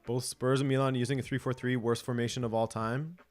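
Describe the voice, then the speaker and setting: A man's voice: medium pitch, little pitch movement, fairly quick, faint music behind. A man hosting a live football watch-along stream, chatting casually, chuckling and reading viewer comments aloud.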